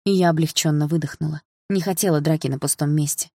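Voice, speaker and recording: A woman reading a first-person audiobook narration in a calm, reflective manner. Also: low-pitched, quick pace, dry recording, clean studio sound.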